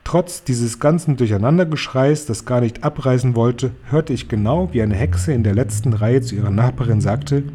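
A man reading a children's story aloud as an audiobook, in steady storytelling manner. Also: mid-range voice, normal speed, few pauses, breathy edge. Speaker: reader.

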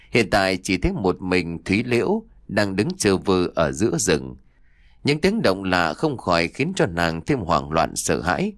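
Deep expressive male story narrator. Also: no room sound, clean studio sound. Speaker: audiobook narrator. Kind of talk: scripted narration of fiction.

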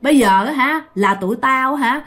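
A woman's voice: sits high, moderate pace, pitched above the performer's own voice. Woman putting on furious ghost, Southern Vietnamese accent. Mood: menacing. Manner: threatening, shouting curses. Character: vengeful male ghost spirits possessing a body.

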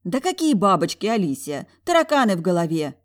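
Woman doing a fiery young girl in an audiobook, huffy and loud, pitched way up. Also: lively intonation, a little fast, close to an everyday voice. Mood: exasperated. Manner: huffy, loud protesting outbursts. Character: fiery indignant young woman, quick-tempered. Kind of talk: audiobook character voice.

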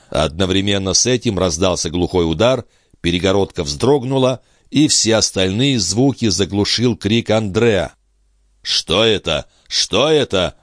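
A man narrating an audiobook in a steady, dramatic reading. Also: deep voice, dry recording, clean studio sound.

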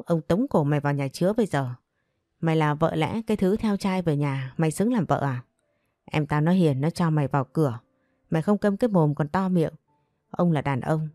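A woman voicing a brash young man who scolds and mocks, in a low, dark voice. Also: dry recording, clean studio sound, close to an everyday voice. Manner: taunting, scolding. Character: brash young man, protective older brother, mocking.

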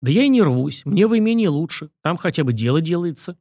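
A man's voice: fairly high pitch, very animated, fast, warm tone, no room sound, pitched above the performer's own voice. A man voicing a young nobleman who talks bluntly and dismissively. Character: young male nobleman, blunt and self-assured.

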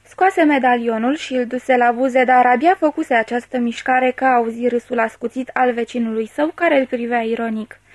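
Woman reading an audiobook, steady and measured, slightly high voice, dry close sound. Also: no echo. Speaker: audiobook narrator.

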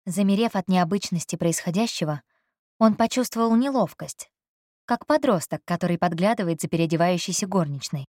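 A woman narrating an audiobook in a steady, measured reading voice. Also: on the low side, no room sound, clean studio sound. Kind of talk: scripted narration.

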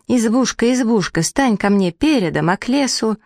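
Woman doing a squeaky little prince boy. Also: lively intonation, normal speed, a little mellow, dry recording, clean studio sound. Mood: excited. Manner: high squeaky pleading voice. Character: little prince boy, too young for school, timid.

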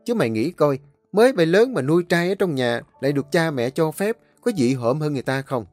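A man's voice: a little high, expressive, brisk, a little mellow, no echo, faint music behind, pitched above the performer's own voice, lightly acted. A man playing a harsh, scolding older brother. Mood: scornful. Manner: scornful, scolding.

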